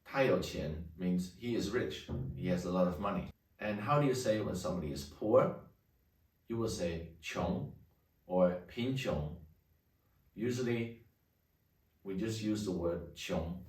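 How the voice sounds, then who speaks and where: A man teaching Mandarin words in a lesson, saying each word slowly and repeating it. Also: low-pitched, lively intonation, a little mellow. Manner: slow, repeats each Chinese word twice. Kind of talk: language lesson. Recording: echoey room, a bit far from the mic.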